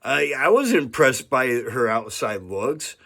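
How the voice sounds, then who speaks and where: At a slow pace, with medium pitch, a sing-song rhythm, vocal fry and a sharp tone, a fifty-something vlogger addresses the camera casually. He rambles earnestly, frequently asks "right?" and says "you know", chuckling now and then.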